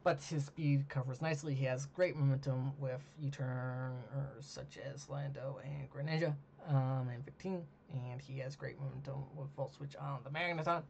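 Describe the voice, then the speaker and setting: A man hosting a solo monologue, talking casually with many ums and uhs, losing his voice and clearing his throat. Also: mid-range voice, fairly even intonation, normal speed, hardly any pauses, darkish tone. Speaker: host. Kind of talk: solo monologue ranking teams. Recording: dull lo-fi mic with faint hiss.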